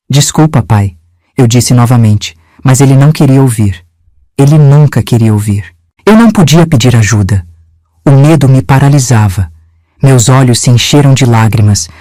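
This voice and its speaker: Gentle older woman with mellow voice. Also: rumbling low, dry recording. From Minas Gerais, Brazil. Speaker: narrator of her life story. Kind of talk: scripted first-person storytelling.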